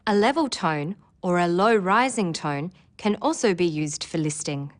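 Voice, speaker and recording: A woman presenting an English exam preparation lesson in clear, careful scripted narration. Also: lowish voice, expressive, measured pace. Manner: clear, careful delivery with demonstrated intonation.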